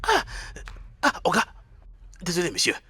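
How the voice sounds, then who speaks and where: A man's voice: sits high, wildly swooping pitch, normal speed, pushed and bright, slight background noise, full character voice. A man voicing a giddy, laughing male houseboy. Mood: self-reproach. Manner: laughs often, voice swings wildly. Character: excitable young male servant, laughing, boastful. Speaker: houseboy servant. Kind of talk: French film dub.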